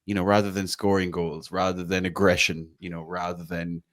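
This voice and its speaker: Deep-voiced Irish man chatting football. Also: level tone, brisk, fairly bright tone. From Ireland. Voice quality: swears casually, chatty with many fillers. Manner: chatty, says "like" a lot. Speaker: podcast host. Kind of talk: casual football chat.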